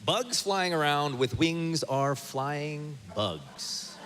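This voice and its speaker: A man's voice: on the high side, sing-song, very slow, a bit bright. A man reading headlines aloud to an audience as a guest presenter. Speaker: guest reading a comic top ten list. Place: stage in a hall with an audience. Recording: noisy hall with long reverb.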